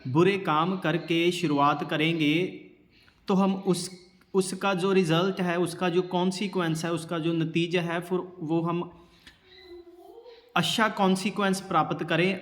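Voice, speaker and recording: A man preaching a sermon as pastor, speaking deliberately and asking rhetorical questions to his congregation. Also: fairly high pitch, steady tone, in a large hall.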